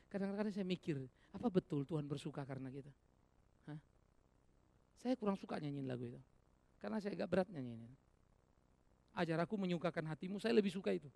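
A male pastor preaching a sermon, swinging between loud exhortation and hushed asides, with many rhetorical questions to the congregation. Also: sits high, creaky, dry recording.

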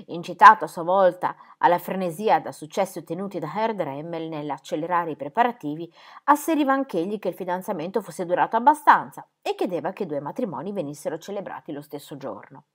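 A woman reading a novel aloud in a measured, expressive way. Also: on the low side. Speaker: audiobook reader.

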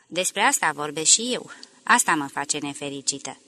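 A woman's voice: sits low, lively intonation, bright, forceful tone, slight background noise. A woman reading the lines of an anxious, tormented young woman in an audiobook, with a pleading, emotional delivery. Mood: anguished.

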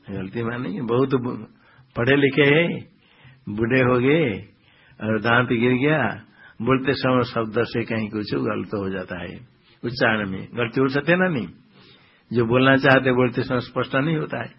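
Man, swami, Gita discourse, Sanskrit grammar lesson, quizzing style, husky voice, muffled lo-fi recording. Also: mid-range voice. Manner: quizzing listeners, then answering himself. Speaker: swami teaching the Bhagavad Gita. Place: ashram hall. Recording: dull lo-fi lecture recording.

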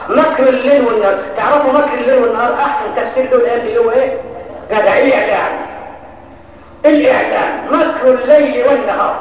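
A man with an Egyptian accent preaching a sermon with fervor, moving between solemn recitation and lively colloquial explanation. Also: very high voice, a little hiss or hum. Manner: fervent, mixes Quranic recitation with colloquial explanation. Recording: distant echoey hall, muffled old recording.

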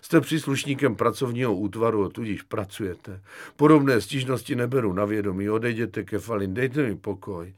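A man's voice: no room sound, studio quality, natural voice. A man doing a fretful, whining lieutenant. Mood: plaintive. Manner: whining, pleading, flaring into shrill panic. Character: weary, fretful army lieutenant, middle-aged man.

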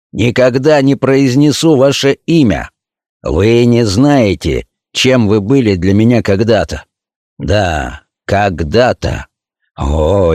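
A man's voice: medium pitch, a little mellow, dry recording, studio quality, pitched above the performer's own voice. A man reading an audiobook, voicing a scornful, cruel young man with contemptuous, declamatory speech.

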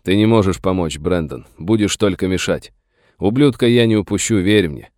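A man's voice: low-pitched, moderate pace, a little mellow, no room sound, clean studio sound, natural voice. A man voicing a curt, commanding frontier sheriff who gives clipped orders. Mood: stern.

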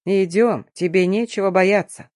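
An audiobook reader voicing a patient, tender middle-aged father with a slow, calm delivery. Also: mid-range voice, no room sound, clean studio sound, lightly acted. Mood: gentle. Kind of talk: audiobook reading.

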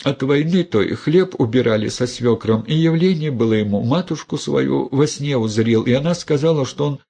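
A desperate peasant woman begging and stammering in thick rustic speech, pitched well up, as a man puts her on. There's a gravelly, husky grain beneath the wail. It plays like an audiobook character. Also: expressive, moderate pace, mellow. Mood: anxious confession. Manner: wailing, stammering "дык-дык", rustic dialect. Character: wailing, pleading peasant woman, middle-aged.

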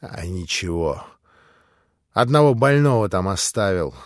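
An impulsive, feverish young man in an audiobook, eager and courteous, his voice close to the male reader's own with a lively, animated lilt. A dry, close recording with nothing around it. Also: deep voice, measured pace, dry recording, pitched below the performer's own voice.

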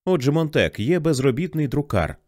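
A man's voice: a little high, big pitch swings, normal speed, darkish tone, no echo, studio quality, voice pushed up. A man voicing a tired, bitter old male scholar who lectures ruefully in an audiobook. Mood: reflective.

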